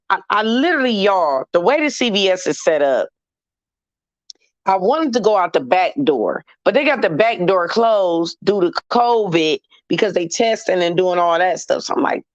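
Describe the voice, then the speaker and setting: A woman's voice: mid-range voice, no echo, highs cut off. Profane woman telling a story on stream. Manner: profane, animated, mocking. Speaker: live streamer. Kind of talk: casual live-stream storytelling.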